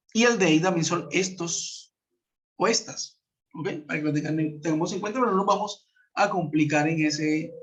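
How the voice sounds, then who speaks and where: High-voiced man teaching over a web call. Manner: patient, explanatory, checks with "¿cierto?"; reads example sentences slowly. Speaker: English teacher. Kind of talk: online class explanation. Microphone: computer mic on a web conference. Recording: muffled web-conference audio.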